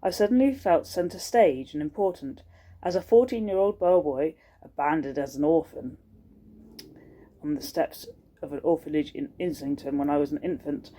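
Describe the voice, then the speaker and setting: Reading a storybook to children, this low-voiced female teacher is expressive and stops now and then to show them the pictures.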